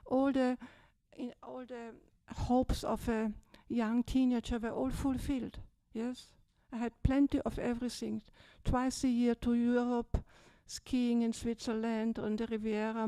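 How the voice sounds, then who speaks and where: A woman's voice: a little high, level tone, unhurried, hardly any pauses, dark tone, clean tone, dry recording. An older woman from Austria with an Austrian German accent, a Buddhist nun telling her story in a chatty way at a retreat, often checking in with "yes?" and "yeah?". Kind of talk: retreat talk, personal story. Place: large dim hall, seated on a low stage. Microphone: handheld microphone.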